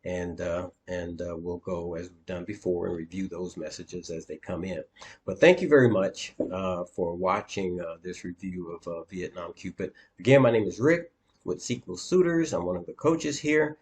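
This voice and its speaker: A man with a very deep, low voice talks viewers through a screen share as a dating coach. His delivery is halting and plain, full of pauses and fillers. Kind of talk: screen-share walkthrough with commentary.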